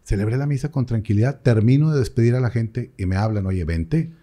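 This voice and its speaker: Man, priest, warm mellow voice, emotional storytelling in interview. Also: mid-range voice, brisk. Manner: talks with feeling, voice rising and breaking at moments, quoting others.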